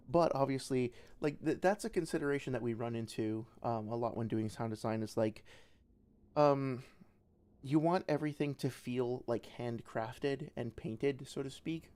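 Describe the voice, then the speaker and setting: A man with a mellow, mid-range voice casually commentates on a game as he plays it on a livestream, adding thoughtful, analytical asides like a developer might. There's clear background noise.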